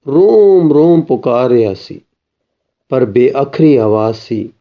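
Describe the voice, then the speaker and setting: Slow, solemn male narrator. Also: mid-range voice, expressive, lo-fi sound. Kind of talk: reading literary spiritual prose.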